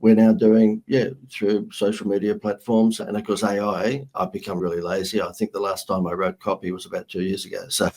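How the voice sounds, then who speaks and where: A man's voice: lowish voice, little pitch movement, fairly quick, darkish tone. A middle-aged man with an Australian accent, a marketing guest telling brash, joking stories in a casual interview.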